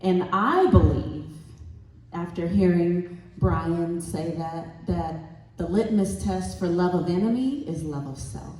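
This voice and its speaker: Speaking slowly in a warm, fairly low voice, a parent of a child who stutters addresses a panel discussion from a convention hall stage with heartfelt sincerity. Her voice sounds distant from the microphone in an echoey room.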